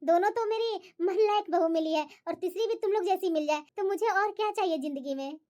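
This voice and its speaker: A woman voicing a gentle, worried older mother-in-law in a family cartoon. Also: extremely high pitch, brisk. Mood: fretful. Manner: soft, fretful, motherly. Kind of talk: cartoon voice acting.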